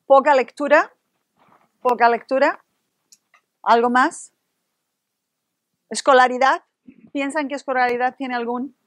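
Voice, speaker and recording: A woman with a Spanish accent leads a workshop for teachers, lively and playful as she questions the room. Her voice sits a little high. The sound is close and dry, with no room around it. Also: measured pace, long pauses, no echo. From Spain. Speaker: university Spanish instructor leading a workshop. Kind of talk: interactive workshop discussion.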